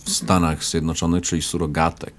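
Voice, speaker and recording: Low, even-voiced male interpreter, halting. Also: crowd noise. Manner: hesitant, halting with filled pauses. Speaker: live interpreter. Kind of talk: consecutive live interpreting into Polish. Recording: audience noise behind voice.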